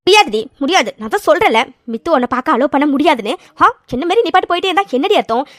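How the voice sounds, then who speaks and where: A woman's voice: sits high, lively intonation, dry recording, studio quality. A hot-tempered jealous young woman. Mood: angry. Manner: shouting, scolding, rapid-fire questions.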